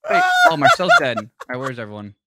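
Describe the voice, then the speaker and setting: A man's voice: medium pitch, huge pitch swings, fast talker, raised voice, very noisy. A man in casual group voice chat while gaming, trading sweary banter.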